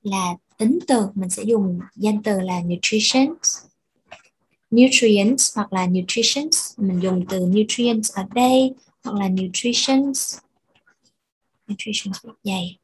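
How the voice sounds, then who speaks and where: Woman teacher, slow and patient, breathy voice, repeats words to drill pronunciation. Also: medium pitch, a little mellow, rough recording. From Vietnam. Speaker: English teacher. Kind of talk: bilingual language lesson.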